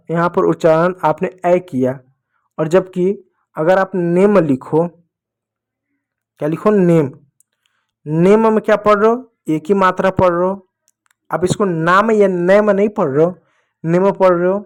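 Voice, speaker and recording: Higher-voiced man teaching step by step. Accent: Hindi. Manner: explains step by step, repeats rules and asks questions back. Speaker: English teacher. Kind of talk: blackboard lesson for learners.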